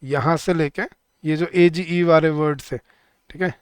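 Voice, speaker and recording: Speaking Hindi in a live online class for bank exam students, a man slowly repeats each word, says the words aloud, and drills the rules. His voice is on the high side with fairly even intonation and a clean tone, recorded dry.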